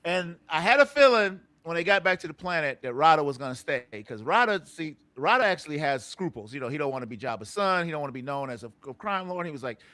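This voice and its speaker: A man's voice: fairly high pitch, lively intonation, fast talker, hardly any pauses, bright, forceful tone, no echo. A man hosting a fan podcast, chatting loosely and swearing about movies. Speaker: podcast host. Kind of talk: casual chat.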